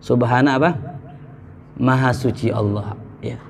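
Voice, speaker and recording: A male Islamic preacher, giving a lively sermon full of jokes and anecdotes. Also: medium pitch, measured pace, vocal fry, slight background noise. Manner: lively, joking, mimics market sellers.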